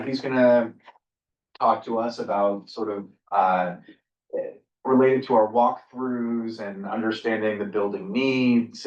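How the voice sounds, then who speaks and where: A man chairing a council business meeting, speaking informally with many fillers and pauses. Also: fairly low pitch. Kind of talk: presiding over a public meeting. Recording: distant muffled mic in echoey room.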